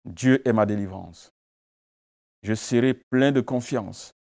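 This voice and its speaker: A pastor whose first language isn't French delivers a devotional sermon and prayer, leaning on emphatic repetition and rhetorical questions. His medium-pitched voice is slow, gravelly and a little mellow.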